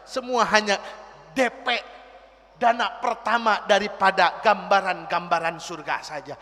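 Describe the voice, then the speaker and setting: High-pitched, emphatic male preacher. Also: in a large hall. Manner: emphatic, often shouting, chants Arabic verses. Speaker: Islamic preacher. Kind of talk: sermon. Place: religious gathering with an audience.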